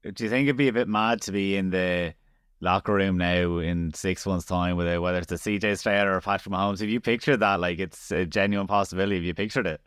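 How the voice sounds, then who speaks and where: A man with an Irish accent and a fairly low voice, speaking quickly as a sports interviewer. He puts casual, conversational questions, and the sound is close and dry. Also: steady tone, a bit bright, smooth, dry recording.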